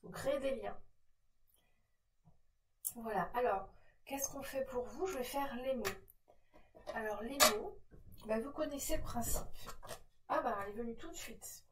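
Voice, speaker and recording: A woman cartomancer reads tarot cards in a casual, encouraging way, addressing the listener directly. Her voice sits a little high. The recording is roomy and echoey, and she sounds some distance from the mic. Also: measured pace, long pauses, noisy background. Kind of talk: casual tarot card reading to viewers.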